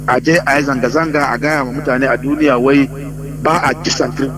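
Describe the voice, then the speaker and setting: A man's voice: medium pitch, steady tone, brisk. A man giving an impassioned radio address over a line that cuts in and out. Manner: impassioned, with emphatic repetitions. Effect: line breaking up, cutting in and out. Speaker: radio show speaker. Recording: noisy, dropping call-in line.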